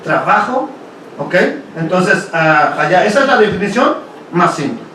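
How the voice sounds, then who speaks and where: A man's voice: high-pitched, big pitch swings, measured pace, bright, forceful tone. A man gives a conversational Bible study lecture to his congregation, often posing rhetorical questions and checking in with "ok?". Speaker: congregation teacher. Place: congregation meeting hall. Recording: very echoey hall from far off, faint hiss.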